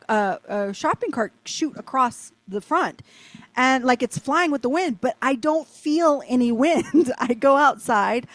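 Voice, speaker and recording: A high-pitched woman, recorded with no echo, appears as an interview guest and tells a rambling personal story. She's animated and says "like" constantly, keeping it casual.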